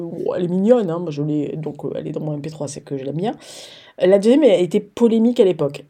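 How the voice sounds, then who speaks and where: A woman's voice: mid-range voice, warm tone. A woman hosting a music show in a casual, rambling way, full of fillers and teasing banter aimed at someone off-mic. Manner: rambling with frequent fillers and asides. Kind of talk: casual chatty presenting.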